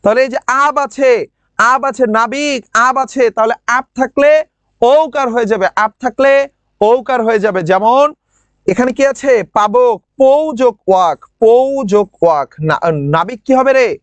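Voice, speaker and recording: This man, whose speech carries a regional Bangladeshi lilt, runs an online grammar class for admission prep. He says words slowly over and over as drills and keeps quizzing the students; his voice is very high-pitched, with no echo and the highs cut off.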